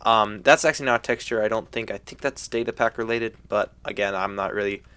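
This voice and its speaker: A young man giving casual gameplay commentary in an excitable frat-bro way, full of slang like dude and bro. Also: on the low side, brisk, clear, resonant tone. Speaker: gaming video host.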